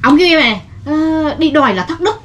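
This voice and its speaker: A woman acting in a comedy sketch, complaining and then hurling loud threats. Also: high voice, sing-song, quick pace, muffled recording, a little hiss or hum. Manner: agitated, complaining, boastful threats.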